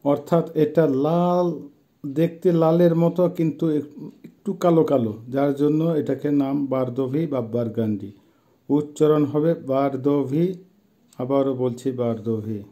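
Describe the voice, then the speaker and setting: Bangladeshi man in his 50s, a patient teacher who drills each word with a mellow, deep-toned voice and a fairly high pitch. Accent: Bangladeshi Bengali. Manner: slow and methodical, repeating each term. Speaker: language teacher. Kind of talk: vocabulary lesson, word by word.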